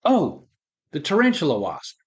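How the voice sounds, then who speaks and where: A man's voice: on the high side, wildly swooping pitch, a little slow, husky, voice pushed up, heavily acted. A man voicing a brave, friendly young sidekick in a storybook, speaking in a straightforward way. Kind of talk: storybook voice acting.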